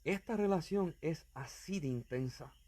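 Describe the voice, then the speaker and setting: A man's voice: fairly high pitch, lively intonation, measured pace, dark tone. A man preaching as an evangelist, speaking earnestly and directly to the listener, with fervent emphasis. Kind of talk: sermon.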